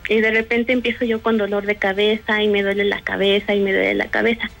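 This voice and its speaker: A woman's voice: mid-range voice, little pitch movement, fast, gravelly, a bit bright, faint music behind, poor audio. A woman telling a personal story in a casual, hesitant way, with many fillers and restarts. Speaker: guest telling a paranormal story.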